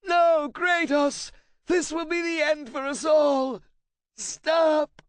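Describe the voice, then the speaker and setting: A man voicing a terrified, cornered male scribe who rasps and pleads in a frantic, near-shouting voice. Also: extremely high pitch, slow pace, no echo, voice pushed up, exaggerated voice. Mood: panicked. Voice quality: raspy.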